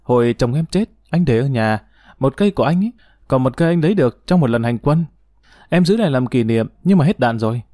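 A man voicing a tender, playful young woman in an audiobook romance, speaking softly and teasingly. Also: mid-range voice, lively intonation, fast, no echo, studio quality, close to an everyday voice.

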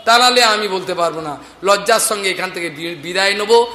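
Bright-voiced Bengali preacher in an echoey hall. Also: male voice, high-pitched, fairly quick. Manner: earnest, anecdotal, addressing the audience directly. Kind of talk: devotional scripture talk. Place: lecture hall in a market space. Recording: echoey hall recording with faint noise.

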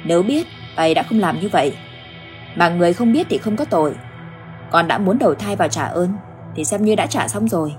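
A woman voicing a calm, serious older village man who speaks in a steady, reassuring way. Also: fairly low pitch, a little fast, soft background music, natural voice.

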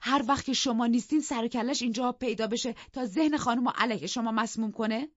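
A blunt, defensive housekeeper in a storybook reading, as a woman narrator speaks her part. She argues her case indignantly in a fairly high voice. The recording is dry and slightly dull. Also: lively intonation, no echo. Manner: defensive, pleading.

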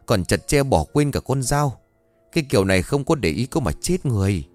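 A man voicing a frightened, sharp-tongued old village woman who cries out and stammers. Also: expressive, quick pace, faint music behind. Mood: grumbling. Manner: shrill cries, stammering when panicked.

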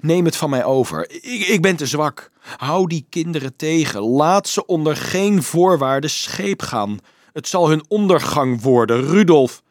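A man's voice: medium pitch, sing-song, unhurried, no room sound, clean studio sound. A man doing a frightened, guilt-ridden man pleading. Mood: desperate pleading. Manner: anxious, pleading, voice rising.

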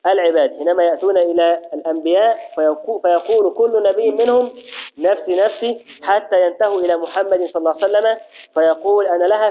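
Man, religious lesson, high voice, phone-like audio. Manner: explains step by step and checks understanding; recites formulas slowly and deliberately. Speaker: Islamic jurisprudence teacher.

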